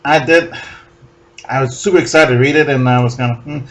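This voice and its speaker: A man co-hosts a casual podcast about comics, speaking in a relaxed and wry manner. He often trails off or restarts mid-sentence as he talks. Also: medium pitch, brisk, a little hiss or hum. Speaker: podcast co-host. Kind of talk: casual comic book discussion.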